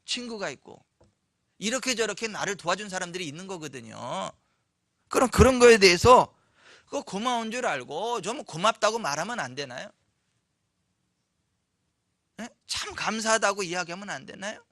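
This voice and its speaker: A man preaching a Sunday sermon, telling a story with lively acted-out voices and questions to the congregation. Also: sits high, moderate pace, long pauses, dry recording, clean studio sound. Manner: animated storytelling, acts out quoted voices, asks the congregation questions. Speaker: pastor. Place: church sanctuary.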